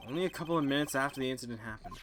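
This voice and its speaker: A man's voice: mid-range voice, very fast, a bit bright, slight background noise, close to an everyday voice. Fan-dub game lawyer, young male, dry and wry, man's own register. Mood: thoughtful. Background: game music.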